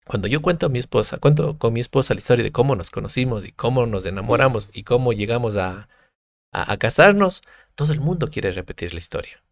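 A man's voice: mid-range voice, animated, fast talker, gravelly, dry recording, studio quality. A man talking as a guest on a podcast, earnest and reflective, stressing his points as he tells stories from his own life. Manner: earnest, reflective, emphatic storytelling with restarts. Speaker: podcast guest, content creator. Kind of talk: casual podcast conversation.

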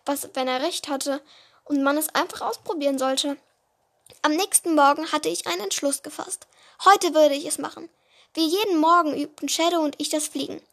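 A woman reading her own story aloud, halting and often restarting words. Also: sits high. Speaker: storyteller of a podcast-style series.

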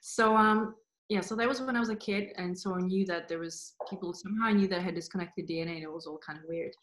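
A woman with a somewhat low voice shares her experiences in a relaxed interview. She wanders through her thoughts with frequent "like" fillers and small laughs. The sound carries a roomy echo. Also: quick pace, slight background noise. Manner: rambling, many "like" fillers, soft laughs. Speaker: guest. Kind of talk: casual spiritual interview chat.

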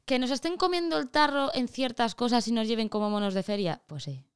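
Woman, podcast guest, rambling, blunt, very clear voice. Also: a little high, brisk, no room sound, clean studio sound. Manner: rambling, frequent restarts, blunt and outspoken. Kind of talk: casual chat.

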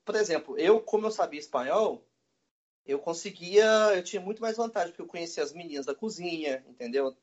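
A man guest in a casual chat, telling stories in a relaxed way and laughing easily. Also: a little high, a little fast. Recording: dull lo-fi audio.

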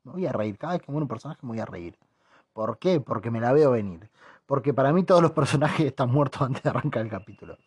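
A man's voice: mid-range voice, lively intonation, fast, darkish tone, husky, no echo. Joking Argentine man, dry close sound. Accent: Argentine Rioplatense Spanish. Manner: rambling, joking, mock foreign accents. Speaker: podcast host. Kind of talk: casual comic monologue.

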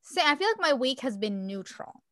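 A woman muses through her week on a podcast, rambling and reflective, full of fillers. Her voice sits a little high, recorded dry with no room sound. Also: sing-song, normal speed, fairly bright tone, no room sound. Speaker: podcast co-host. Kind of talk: casual chat.

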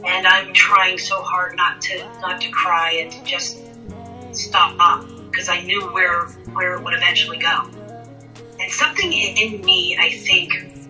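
Bright distant-sounding woman telling her story. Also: fairly low pitch. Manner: halting, repeats words, intense. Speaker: guest. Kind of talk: personal storytelling in conversation.

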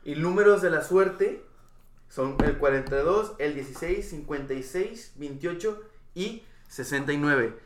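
A man's voice: fairly high pitch, a little slow. A man co-hosting a casual podcast, repeatedly trying to wrap things up. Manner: keeps trying to wrap up topic. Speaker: podcast co-host. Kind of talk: casual chat. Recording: echoey room with faint noise.

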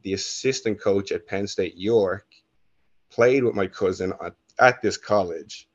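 Young Irish guy, low voice, relaxed chatty storyteller, on a dull dry line. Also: unhurried, no room sound. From Ireland. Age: young adult. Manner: rambling, self-correcting, laid-back. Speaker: guest. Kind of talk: casual interview storytelling.

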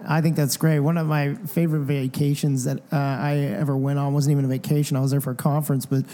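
Warm-voiced man telling a story. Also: a little high, quick pace. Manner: lively anecdotal storyteller. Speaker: podcast co-host. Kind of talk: casual chat.

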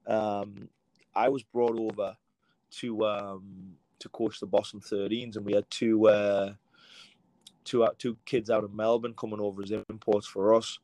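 A man in his late thirties from England, whose English accent carries a faint American edge, talks through his career as a rugby league coach. He rambles and restarts often, in a somewhat low voice. The recording is dry, with no room sound. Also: vocal fry, darkish tone, dry recording, rough recording. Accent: English with a slight American tinge. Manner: rambling, with many fillers and restarts. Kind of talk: relaxed storytelling interview answers.

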